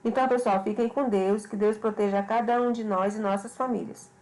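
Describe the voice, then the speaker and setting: A woman's voice: mid-range voice, fairly even intonation, darkish tone, slight background noise, poor audio. A woman teacher giving an online grammar lesson, patient and repetitive, often checking in with her students. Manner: slow, patient, repeats questions and checks with "certo?".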